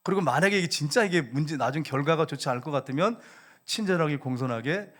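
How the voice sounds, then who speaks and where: Korean pastor preaching, slightly high voice. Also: male voice, lively intonation, fast talker. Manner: preaching with frequent questions to the congregation. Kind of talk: sermon. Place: church service.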